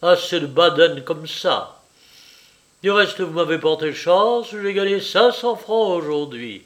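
A man voices a smug, falsely courteous general in an audiobook. The voice is raised in pitch, loud and hearty, and it stays slow and drawn out. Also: animated. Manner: loud, hearty and mocking politeness. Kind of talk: audiobook character reading.

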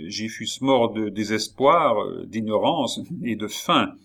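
A man's voice: on the low side, lively intonation, takes it slowly, fairly bright tone, full character voice. A man reading an audiobook, voicing a proud, poor young man who speaks in a tense, restrained way. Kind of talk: audiobook character voice.

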